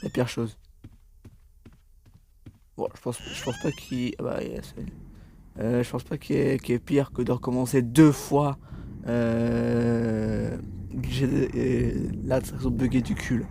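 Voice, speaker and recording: A man's voice: medium pitch, fairly even intonation, a little slow, vocal fry, long pauses, mellow, a little hiss or hum. Tired, stammering young man gaming. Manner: rambling, stammering, swears casually. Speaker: gaming YouTuber. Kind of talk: casual gameplay commentary.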